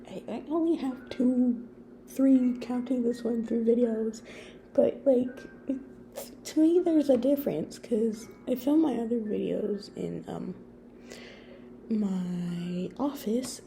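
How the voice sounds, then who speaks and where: Soft, gravelly young woman reading a story. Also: fairly high pitch, slight background noise. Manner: soft-spoken, rambling when talking off script. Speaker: story reader. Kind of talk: fan fiction reading. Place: friend's office.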